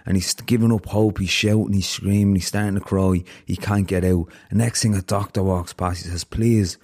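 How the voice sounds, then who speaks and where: His voice is low and darkish, with a level tone and a slightly fast pace. As a podcast host he shares earnest, heartfelt reflections and tells a lengthy parable to his guest.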